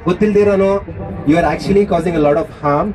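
A man's voice: high-pitched, rapid-fire. A man with a South Indian accent giving a playful speech on an outdoor stage, switching between languages. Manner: mixes English and Kannada. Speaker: costumed contestant, radio jockey. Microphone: stage mic heard from the audience. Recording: distant, noisy open-air stadium PA with crowd.

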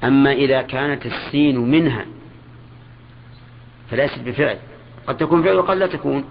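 An older man teaches grammar in a measured classroom manner, repeating key words and questioning his students. His voice sits at an ordinary middle pitch. It comes through a dull, lo-fi old lecture recording with a faint hiss behind it. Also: creaky.

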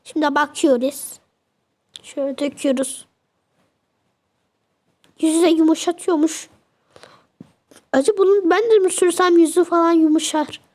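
A woman's voice: very high-pitched, steady tone, normal speed, long pauses, darkish tone. A young woman chatting casually as she narrates a game, fretting and exclaiming as she goes. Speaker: game video creator.

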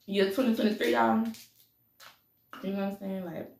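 A woman's voice: mid-range voice, steady tone, moderate pace, vocal fry, a little mellow, distant mic, slight background noise. A woman vlogger chatting casually while eating, laughing often and humming between bites. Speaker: mukbang vlogger. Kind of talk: casual eating vlog chat. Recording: echoey room, voice a bit off-mic.

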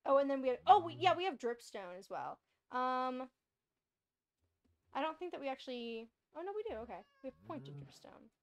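This young woman plays a video game on stream while chatting away, drifting from topic to topic and breaking into frequent laughter. She talks fairly quickly, and her high voice swings widely in pitch, giving her a bubbly sound.

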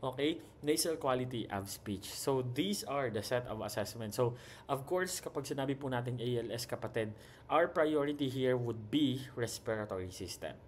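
Young man, Filipino accent, nursing review lecture, mid-pitched voice, faint background hum. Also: normal speed. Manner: mixes English and Tagalog, repeats key points, frequent "okay?".

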